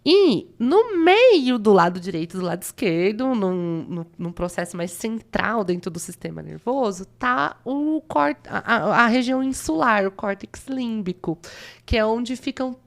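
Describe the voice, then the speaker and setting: Brazilian woman explaining with lively restarts. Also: on the high side, measured pace, creaky. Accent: Brazilian, São Paulo state. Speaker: guest audiologist. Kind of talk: explaining like a lesson.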